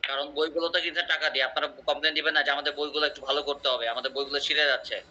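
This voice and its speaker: A man's voice: fairly high pitch, steady tone, rapid-fire, noisy background. A man teaching an English class, explaining with examples and quizzing his students. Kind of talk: online class lecture. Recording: muffled lo-fi audio.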